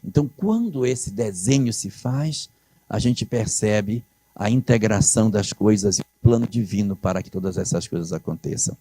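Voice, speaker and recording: A man's voice: fairly low pitch, animated, moderate pace, mellow, husky. A man giving a spiritist lecture, explaining scripture and quoting it with dramatic emphasis.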